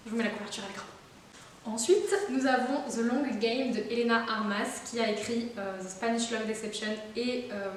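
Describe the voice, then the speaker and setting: Chatty woman in an echoey room. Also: fairly high pitch. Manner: chatty, frequent fillers and laughs. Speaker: book vlogger. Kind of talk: casual book haul chat. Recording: very echoey room, distant mic, faint hiss.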